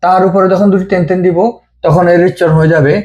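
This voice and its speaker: Patient man with a mellow voice. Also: sits high, little pitch movement, highs cut off, soft background music. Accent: Bengali. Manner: slow, patient, repeating each sound. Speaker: language teacher. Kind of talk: step-by-step script lesson.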